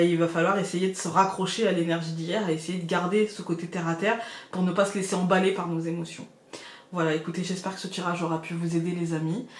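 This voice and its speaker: A woman giving a casual daily tarot reading to her viewers, reflective and gently reassuring as she speaks to them directly. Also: on the low side. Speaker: tarot card reader. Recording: roomy echo.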